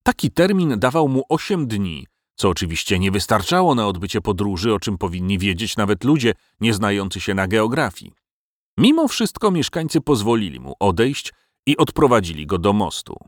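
Give me an expressive male storybook narrator, animated pitch, dry studio sound. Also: normal speed, dry recording. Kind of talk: audiobook narration.

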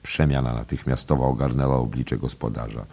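Very deep-voiced male audiobook narrator. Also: fairly even intonation, brisk, vocal fry, warm tone, husky.

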